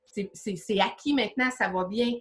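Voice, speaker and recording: A woman's voice: mid-range voice, moderate pace. A woman with a Québécois French accent coaching an online audience in a motivational live talk, firing off direct, coaxing questions in a familiar, chatty way. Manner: familiar, chatty address with many fillers like "là". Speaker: business coach.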